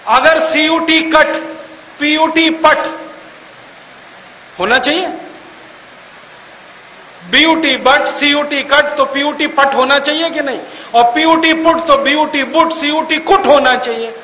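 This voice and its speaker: High-pitched man lecturing in an echoey hall. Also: measured pace, pushed and bright. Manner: mocking, argumentative, rhetorical questions; spells out words letter by letter for emphasis. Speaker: public speaker. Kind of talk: lecture to an audience. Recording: echoey hall, faint hiss.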